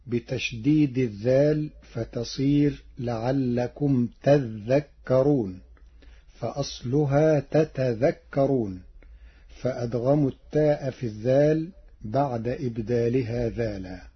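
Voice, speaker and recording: Slow husky-voiced man explaining recitation. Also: medium pitch. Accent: Egyptian. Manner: slow, measured, precise articulation. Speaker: Quran recitation scholar. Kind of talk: formal radio explanation of recitation variants. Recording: dull lo-fi archive radio broadcast.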